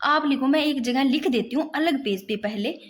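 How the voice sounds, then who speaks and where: A woman's voice: high voice, moderate pace, a little hiss or hum. A young woman teaching Hindi grammar in a casual, insistent way, often saying "look" as she writes out examples. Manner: repeats "dekho" often, insistent and explanatory, writes while talking. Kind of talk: casual classroom explanation.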